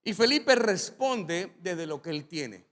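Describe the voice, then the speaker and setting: Animated male pastor preaching. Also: sits high, takes it slowly. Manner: animated storytelling with sudden loud climaxes. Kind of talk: sermon.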